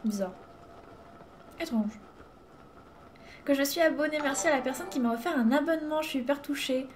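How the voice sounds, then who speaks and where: A woman's voice: high-pitched, normal speed, slight background noise. Chatty woman streaming a game. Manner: chatty, laughing, thanking viewers. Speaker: Twitch streamer. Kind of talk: casual live gameplay chat.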